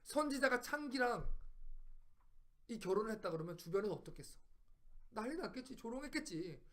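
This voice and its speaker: Bible study teacher, male, very high voice, emphatic and repetitive, keeps asking the room questions. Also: sing-song, brisk. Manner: emphatic, fires rhetorical questions at listeners; repeats phrases for emphasis. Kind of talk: preaching Bible study lesson.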